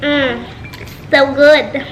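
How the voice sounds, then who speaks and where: A woman's voice: high-pitched, fairly even intonation, extremely slow, roomy sound. A young woman with a Filipino accent chats casually and teasingly in a food challenge vlog. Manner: playful, teasing banter with sibling. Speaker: vlogger. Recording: noisy room with clinking dishes.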